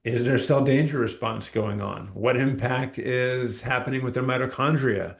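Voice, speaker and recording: A man's voice: medium pitch, normal speed, gravelly. A man, a chiropractor, talking earnestly as a podcast guest, telling patient stories and acting out the dialogue. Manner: earnest, storytelling, acts out quoted dialogue. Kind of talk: reflective interview talk.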